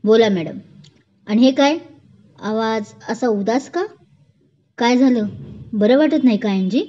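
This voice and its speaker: A woman's voice: on the high side, unhurried, mellow. A woman voicing a caring young male doctor. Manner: tender, mock-scolding. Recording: dull lo-fi recording.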